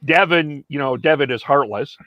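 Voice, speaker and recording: A man's voice: a little high, normal speed, pushed and bright, dry recording, highs cut off. A man hosting a hockey podcast in casual chat, fumbling and poking fun at himself. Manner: fumbling, self-mocking. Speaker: podcast host.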